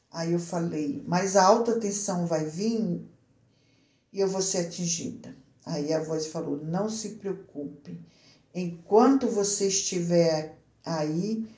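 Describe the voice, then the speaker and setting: A woman giving an earnest personal religious testimony, speaking haltingly and often repeating words and restarting phrases. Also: fairly low pitch, mellow, reverberant. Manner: earnest, addresses listeners directly.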